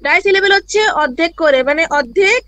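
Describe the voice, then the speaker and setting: Woman, student, earnest eager answers, very high voice. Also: lively intonation, brisk, a bit bright. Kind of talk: answering in a live online class.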